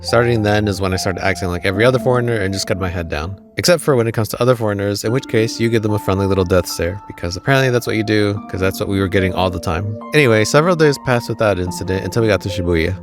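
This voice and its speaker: A man's voice: fairly low pitch, racing, few pauses, over music. A young man telling comedic travel stories outdoors, self-deprecating with wry asides. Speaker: travel vlogger.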